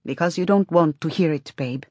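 A woman's voice: low-pitched, normal speed, darkish tone, dry recording. A woman voicing a blunt, stubborn, teasing woman in audiobook dialogue, with a sardonic, needling manner.

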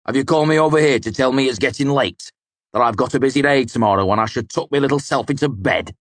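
A man's voice: mid-range voice, quick pace, dry recording, pitched above the performer's own voice, natural voice. A man reading an audiobook, voicing a big, drunk, boisterous male mercenary who guffaws and talks bawdily. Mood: bawdy jeering. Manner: loud, bawdy, guffawing.

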